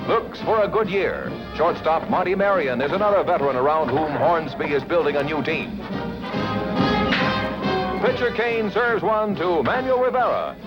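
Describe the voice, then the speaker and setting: High-voiced man narrating an old newsreel. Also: expressive, loud music behind the voice. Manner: brisk, punchy announcer delivery. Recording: dull lo-fi 1950s newsreel soundtrack.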